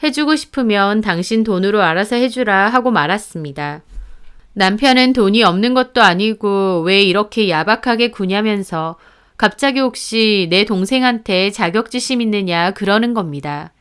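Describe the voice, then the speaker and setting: A woman narrating a scripted first-person story in a steady, indignant storytelling manner. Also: medium pitch, moderate pace, smooth.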